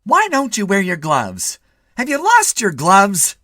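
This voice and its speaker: A man voicing a nagging middle-aged wife in a story reading, shrill, exasperated and bossy. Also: wildly swooping pitch, unhurried, pushed and bright, no echo, studio quality, full character voice. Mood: bossy scolding.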